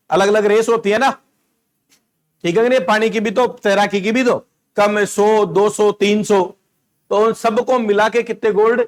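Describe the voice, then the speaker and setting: Guy teaching exam prep w/ rajasthani accent, fairly high voice, asks then answers his own questions, spells out names slow. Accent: Rajasthani Hindi. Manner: quizzes the class with questions and answers them himself; repeats words slowly for dictation. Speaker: coaching teacher. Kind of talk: classroom lecture for exam prep.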